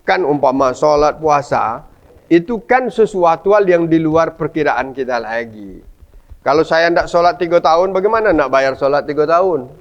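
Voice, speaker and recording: A lively preacher speaks to a mosque study group. His voice sits a little high for a man and carries a lot of expression, and he keeps throwing rhetorical questions back at the audience. The recording sounds dull and lo-fi. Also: moderate pace.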